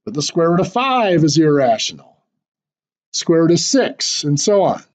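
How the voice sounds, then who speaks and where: Losing his voice, a hoarse male teacher keeps clearing his throat during a math lecture, explaining step by step with fillers and restarts. He speaks at a moderate pace in a highish voice, very animated.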